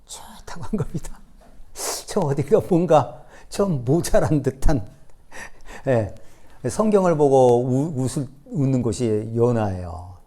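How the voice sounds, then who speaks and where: A man preaching a sermon as pastor, telling the story lively and acting out the speakers, often turning to the congregation with short questions. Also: mid-range voice, takes it slowly. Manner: acts out biblical speech in raised voice.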